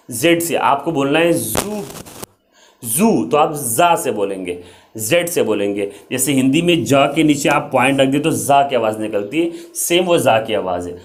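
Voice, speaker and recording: A young man teaching the Arabic alphabet in Urdu, patiently explaining each letter and repeating its sound. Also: mid-range voice.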